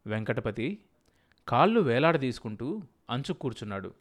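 A man narrating an audiobook in a steady storytelling manner. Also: mid-range voice, normal speed. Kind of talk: scripted narration.

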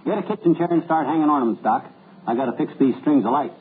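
A man's voice: on the high side, quick pace, lightly acted. An American man playing a teasing, cocksure, folksy middle-aged husband in 1940s radio comedy style. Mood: jaunty. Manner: folksy slangy wisecracking. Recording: noisy old phone-like radio recording.

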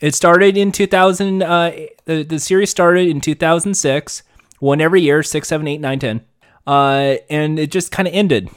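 Podcast co-host, male, slightly high voice, dry close mic, casual swearing storyteller. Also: fairly even intonation, moderate pace, smooth, no room sound. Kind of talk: casual chat.

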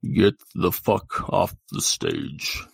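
A man voicing a stern male judge in improv comedy, handing down slow, booming pronouncements. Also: wildly swooping pitch, creaky, husky, no room sound, exaggerated voice. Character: stern deep-voiced male judge, commanding.

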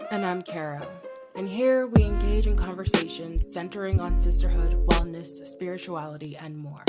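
A woman co-hosting a podcast, speaking in a relaxed, laid-back way. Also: lowish voice, normal speed. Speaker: podcast co-host. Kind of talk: casual chat. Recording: intro with music behind.

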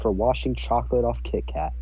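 A man's voice: mid-range voice, lively intonation, fairly quick, warm tone, lo-fi sound. A man co-hosting a casual podcast, mocking a friend and repeating catchphrases over and over. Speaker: podcast co-host.

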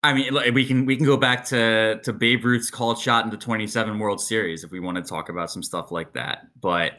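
A man co-hosting a podcast, telling a long story in a casual, animated way and acting out quotes. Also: on the low side, a little fast. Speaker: podcast co-host.

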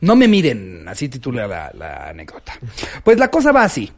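A man's voice: mid-range voice, huge pitch swings, brisk. A man with a Mexican accent, co-hosting a comedy podcast, reading listener anecdotes aloud and joking. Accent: Mexican Spanish. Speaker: podcast co-host. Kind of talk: casual comedy podcast chat.

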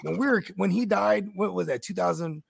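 A man in his thirties with a gravelly, husky voice, rambling through stories in casual chat as a co-host, full of "you know what I mean.". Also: high-pitched, a little fast, dry recording, studio quality. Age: 30s. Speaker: podcast co-host.

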